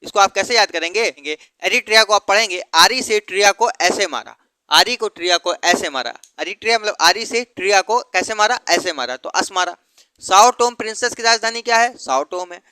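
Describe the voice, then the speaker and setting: A man's voice: sits high, fairly quick, pushed and bright, clean tone, dry recording. A man teaching geography through memory tricks, asking questions and then answering them himself. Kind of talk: mnemonic geography lesson.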